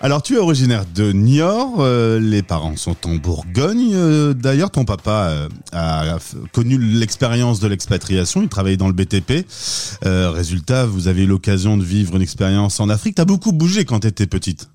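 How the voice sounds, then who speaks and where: A man's voice: on the low side, sing-song, normal speed, dark tone. A French man hosting a podcast interview, asking friendly questions. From France. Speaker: podcast host.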